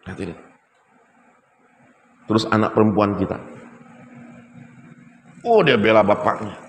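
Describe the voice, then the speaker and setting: Preacher in a ringing hall. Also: male voice, on the low side, a little slow, a little hiss or hum. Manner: animated storytelling with acted quotes. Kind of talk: sermon.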